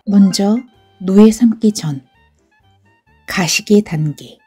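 A woman narrates a drama recap in a soft, half-whispered scripted delivery. Her voice is very breathy and mellow, pitched in the middle. Faint music plays under the voice-over. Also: slow.

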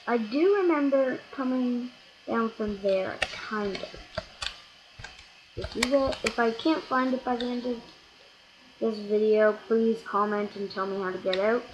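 In a mid-range voice, a let's play gamer talks loosely through a block-building game, backtracking on his words and suddenly getting excited. There's background noise from his home computer setup.

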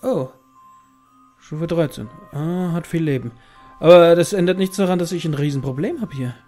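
A man hosts a gaming video in a fairly high voice. He comments casually, muttering his thoughts aloud over game music. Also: normal speed, dark tone. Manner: thinking aloud, muttering to himself. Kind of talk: casual let's play commentary.

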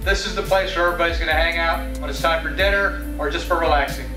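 Walking through a yacht's cabins and onto the open deck, a middle-aged man delivers a scripted, descriptive tour with enthusiasm, getting louder outdoors. His slightly high voice is fast and fairly even, caught on a distant mic with roomy echo and music beneath.

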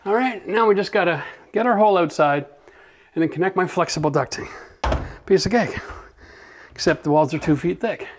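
Middle-aged guy doing a diy reno vlog, chatty and upbeat, slightly high voice, little bit of background hiss. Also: moderate pace, pauses often. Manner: upbeat, chatty, swears and laughs freely. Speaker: renovation channel host. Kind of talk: casual DIY walkthrough. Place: gutted bathroom in a renovated church, indoors.

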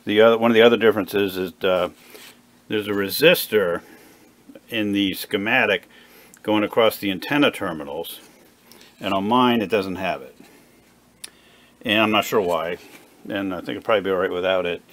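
At an indoor workbench, a man with a deep but fairly bright voice demonstrates a hands-on radio repair for his own hobby video. He speaks off the cuff, pausing and hesitating as he figures things out aloud.

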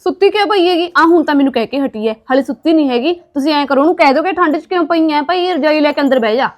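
A woman's voice: high voice, fast. A woman, arguing insistently in a comic web series.

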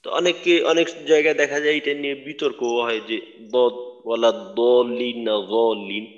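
Guy teaching a tajweed class online, kinda high voice, echoey and muffled audio. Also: fast talker. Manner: patient, explanatory, repeats points for emphasis. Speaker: Quran recitation teacher. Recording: dull lo-fi audio with long reverb.

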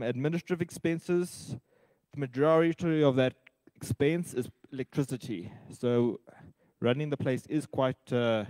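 Plain halting man, dry. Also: medium pitch, a little mellow, no echo, low-quality recording. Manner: plain, halting, many ums between items. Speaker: church treasurer giving financial report. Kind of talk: reading a financial report at a church meeting.

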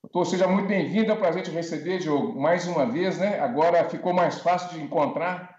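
A man's voice: a little high, brisk, a little mellow, dull audio. Brazilian man hosting from a roomy video call. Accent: Brazilian Portuguese. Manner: welcoming, chatty, frequent tag questions. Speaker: host. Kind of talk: live online talk show. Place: home room with bookshelves.

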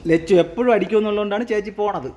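A woman's voice: medium pitch, very fast. A woman, a parent, chatting casually and coaxing her small children in a soothing way. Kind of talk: casual family chat. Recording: faint background noise.

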